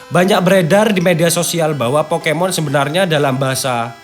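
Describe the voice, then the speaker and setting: With music running underneath, a man with an East Javanese accent hosts a casual, slangy video, partly reading out an article and partly chatting. He scatters interjections throughout, speaking fairly quickly at a fairly high pitch.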